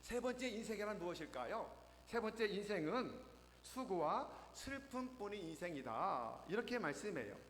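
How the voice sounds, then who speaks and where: A man preaching a sermon as pastor, telling jokes with lively storytelling and acting them out. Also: sits high, normal speed. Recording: echoey hall, faint noise.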